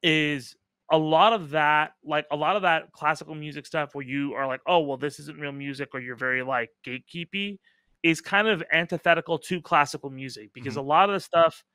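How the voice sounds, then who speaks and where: A man's voice: on the high side, fairly even intonation, brisk, sharp tone, clear, resonant tone, no echo, studio quality. A man hosting a casual podcast chat, talking emphatically with lots of fillers and casual swearing. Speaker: podcast host.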